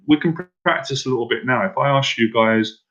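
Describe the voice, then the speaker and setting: This dating confidence coach talks to his live-stream audience about approaching women, his mid-range voice a little fast and slightly bright over lo-fi sound. His style is casual and direct, full of repetition and requests for replies in the chat.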